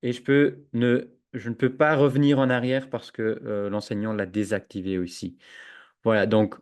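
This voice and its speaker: A man giving a screen-share software tutorial to teachers, hesitant with many fillers and restarts, on a computer microphone. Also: on the low side, flat delivery, normal speed. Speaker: educational software trainer. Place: at a computer, webinar with chat. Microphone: own computer microphone with noise suppression.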